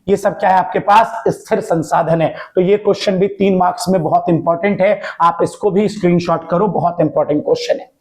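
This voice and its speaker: A man's voice: high-pitched, darkish tone. A male tutor giving an exam-focused economics lesson, calling students "beta" and repeating each term in two languages. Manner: addresses students as "beta" and "bachcha", repeats points in Hindi and English.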